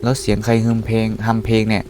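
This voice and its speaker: A man's voice: lowish voice, monotone, fast, music in the background. A young man casually commenting while playing a horror game, jumpy and exclaiming often. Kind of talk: casual let's-play commentary.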